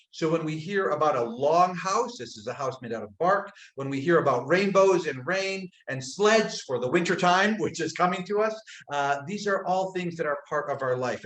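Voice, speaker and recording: Soft-spoken man with frequent pauses, echoey room. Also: a little high. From upstate New York, United States. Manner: thoughtful, many "uh" pauses, soft trailing phrase ends. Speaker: guest storyteller. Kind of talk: casual storytelling talk on a webinar. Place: indoors, abroad in Croatia.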